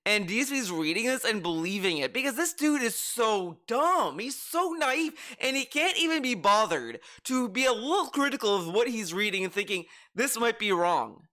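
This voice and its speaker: A man's voice: very high-pitched, lively intonation, normal speed, hardly any pauses, sharp tone. A man giving casual commentary as an exasperated, mocking, profane rant. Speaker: online commentator.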